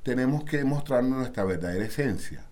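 A man's voice: mid-range voice, lively intonation, brisk, darkish tone. A man from Venezuela with a Caracas accent, a musician guest chatting casually in an interview, full of street slang and acting out the voices of people he quotes. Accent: Caracas Venezuelan Spanish.

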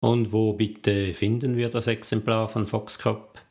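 A ruthless crime boss, read by a male narrator, cold and unmoved. The voice sits low and unhurried. It comes from a spoken audiobook thriller. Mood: cold, calm. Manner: calm and unmoved, shouting at the end.

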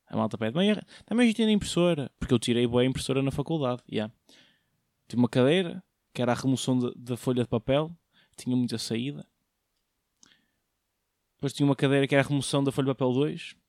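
A man's voice: mid-range voice, quick pace, pauses often, darkish tone, no echo, studio quality. A young man giving a slangy, jokey monologue, often putting questions to his listeners. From Portugal. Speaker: solo show host, comedian. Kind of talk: casual comedic monologue, slangy chat.

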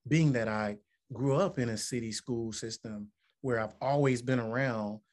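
An earnest man from Alabama, United States, speaks in a measured, mid-range voice with a darkish tone. He's a musician and motivational speaker in an interview conversation, reflective and building to emphatic points.

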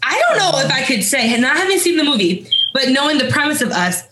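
A young woman co-hosts a casual podcast chat, her voice sitting a touch higher than most. She talks in a playful, animated way and banters loosely with her friends. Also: fast talker, heavy background noise. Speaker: podcast co-host.

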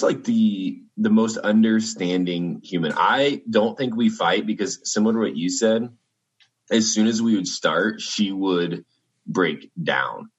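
A man's voice: on the low side, fairly bright tone, breathy edge, muffled recording. A man on a video call podcast, talking in an earnest, easygoing, reflective way. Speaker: podcast co-host. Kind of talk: casual chat over a video call.

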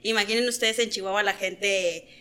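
Chatty Mexican woman, bright voice. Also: mid-range voice, steady tone, normal speed. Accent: Mexican Spanish. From Mexico (Oaxaca). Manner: chatty, laughs often, many fillers. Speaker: podcast guest. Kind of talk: casual podcast chat.

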